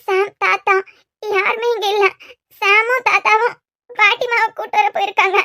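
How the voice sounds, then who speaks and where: A tearful pleading young bride. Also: female voice, extremely high pitch, fairly even intonation, normal speed, bright, forceful tone, no room sound, clean studio sound, exaggerated voice. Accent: Kanyakumari Tamil.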